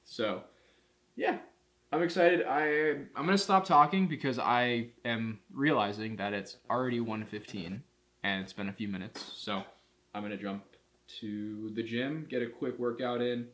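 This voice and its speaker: A man who runs a marketing agency, talking casually to camera in a vlog and thinking out loud with frequent restarts. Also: mid-range voice, measured pace. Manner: rambling, thinking aloud with restarts. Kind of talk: casual day-in-the-life vlog.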